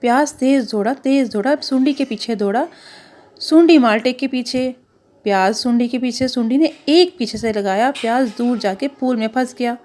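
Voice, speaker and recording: A woman narrating a children's cartoon story in a lively, storybook manner. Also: a little high, moderate pace.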